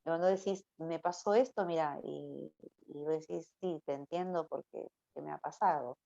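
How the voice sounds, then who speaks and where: Low-voiced woman giving a chatty sermon. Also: moderate pace, gravelly, dark tone. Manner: conversational, ends phrases with a questioning "¿no?". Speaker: church youth preacher. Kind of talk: informal Bible teaching sermon. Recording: dull lo-fi recording.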